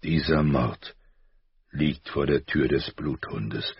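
A man voicing a grave, gentle noble father in an audiobook, slow, soft-spoken and weighty, with a husky voice. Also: rumbling low, no echo, dull audio, full character voice. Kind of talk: audiobook character voice.

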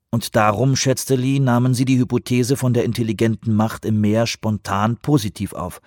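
Measured male audiobook narrator. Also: on the low side, a little mellow, dry recording, studio quality. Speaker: audiobook reader. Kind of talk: scripted narration.

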